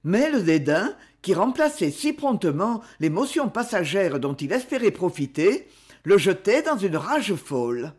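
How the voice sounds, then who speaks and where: Expressive woman reading a novel aloud. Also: medium pitch, unhurried, breathy edge. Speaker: audiobook narrator. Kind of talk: scripted narration.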